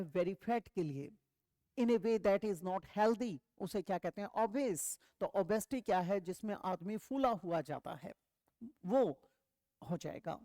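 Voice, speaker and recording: A woman teaching an exam vocabulary lesson, asking questions and answering them herself, reading English definitions slowly. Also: medium pitch, a little mellow, no echo. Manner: explains step by step, asks and answers her own questions, calls students "beta".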